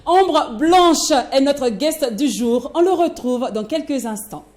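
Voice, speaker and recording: A woman's voice: sits high, lively intonation, slow, darkish tone. A woman hosting a magazine show, presenting and interviewing a guest. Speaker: host.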